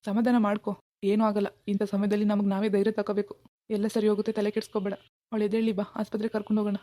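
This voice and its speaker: A worried middle-aged father in a cartoon speaks low and soothingly, voiced by a woman, trying to calm his wife. His delivery is rapid and flat, with a mellow, dark tone. The recording is dry and close. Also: dry recording, close to an everyday voice. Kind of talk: Kannada cartoon voice acting.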